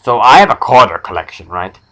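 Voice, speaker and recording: A young man telling an absurd, rambling comic story in a deadpan way, chuckling at his own jokes. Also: medium pitch, a little fast, low-quality recording. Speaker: channel comedian.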